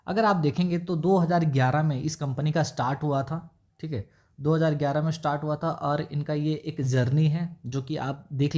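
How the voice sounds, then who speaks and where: Unhurried man explaining stock numbers. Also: medium pitch, mellow. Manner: unhurried, pauses with fillers while reading numbers off the screen. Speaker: stock market YouTuber. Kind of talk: casual explanatory stock analysis with screen share.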